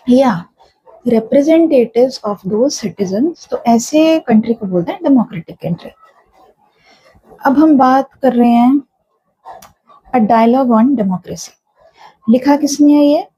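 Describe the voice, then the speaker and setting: A woman's voice: fairly high pitch, dark tone, husky, dry recording. A woman teacher, explaining a text to students step by step and mixing Hindi with English. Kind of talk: classroom lecture explaining a text. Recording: dull, muffled sound.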